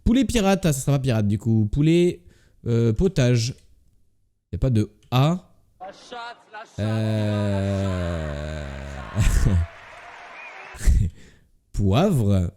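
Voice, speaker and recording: A man's voice: lowish voice, sing-song, very slow, pauses often, dark tone. A man with a slight lisp on his s sounds, doing casual live game commentary as a streamer and muttering repeated word guesses to himself.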